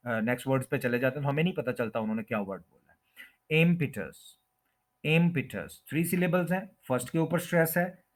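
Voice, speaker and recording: A man teaching English word pronunciation, who repeats each word slowly and draws out the stressed syllable. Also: mid-range voice, lively intonation. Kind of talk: pronunciation lesson explained in Hindi-Urdu.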